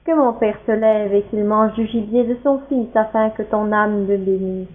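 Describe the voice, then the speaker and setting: A woman reading the part of a wronged elder son in a scripture reading, in a pleading, measured way. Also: medium pitch, fairly even intonation, natural voice. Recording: tinny phone-like sound.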